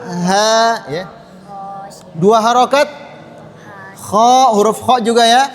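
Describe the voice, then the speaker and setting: A man's voice: very high voice, slow pace. A man teaching a Quran pronunciation lesson to children, patiently drilling sounds and having the class repeat after him. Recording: long hall reverb.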